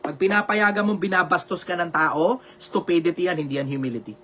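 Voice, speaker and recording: Loud, preachy Filipino man. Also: high voice, brisk, a little hiss or hum. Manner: emphatic, repetitive, blunt, swears often; says he speaks loudly on purpose for social media. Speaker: live show host answering viewer questions. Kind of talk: loud, preachy live advice talk. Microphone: video call.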